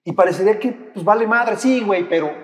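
A man's voice: high voice, quick pace, big-room sound, over a noisy crowd. A Mexican man hosting a casual chat, speaking in a reflective, conversational way. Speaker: host.

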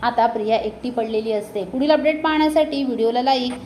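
High-voiced woman retelling a story. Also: fast, roomy sound, a little hiss or hum, rough recording. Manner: plain, steady retelling with many "now"s. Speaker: serial recap narrator. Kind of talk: storytelling recap of a TV serial.

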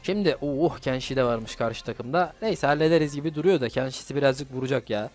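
A man's voice: medium pitch, brisk, faint music behind. Young man chatting over mobile gameplay. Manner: slangy, chatty, excitable bursts. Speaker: mobile game YouTuber. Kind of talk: casual gameplay commentary.

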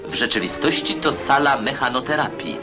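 Give me a man narrating an old newsreel in a declamatory announcer's voice. He sits at a middle pitch over loud music. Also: big pitch swings, a little fast. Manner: declamatory, emphatic announcer delivery.

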